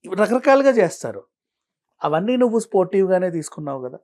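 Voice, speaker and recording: A man answering as an interview guest, arguing his point with a stream of pointed rhetorical questions and shifting from calm explaining to heated. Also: sits high, quick pace. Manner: argumentative, fires rhetorical questions. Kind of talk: studio interview.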